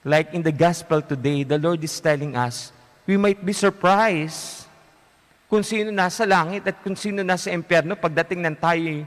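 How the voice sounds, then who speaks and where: A male Filipino priest with a Filipino accent delivers a homily, easing in with a humorous story and switching between Tagalog and English. His voice sits high for a man. The sound carries a long church reverb. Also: moderate pace. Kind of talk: sermon.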